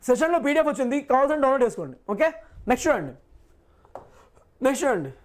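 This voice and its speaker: High-voiced man teaching, repeating himself. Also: sing-song, racing. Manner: repeats himself, asks and answers his own questions; reassuring, coaxing students. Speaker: physics teacher. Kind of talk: live online class.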